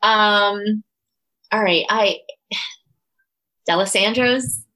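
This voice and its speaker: A woman's voice: mid-range voice, extremely slow, sharp tone, rough recording. Earnest woman with a Delco accent. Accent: Delco (Philadelphia area). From Delaware County, Pennsylvania, US. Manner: earnest, enthusiastic. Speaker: yoga studio owner, interview guest. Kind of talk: casual interview chat.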